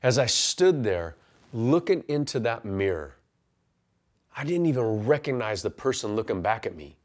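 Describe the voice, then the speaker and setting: Man, 40s, coach and pastor type, earnest storytelling that turns to direct motivational punch, mid-pitched voice. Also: sing-song, normal speed. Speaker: men's life coach and pastor. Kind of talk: personal testimony and motivational talk.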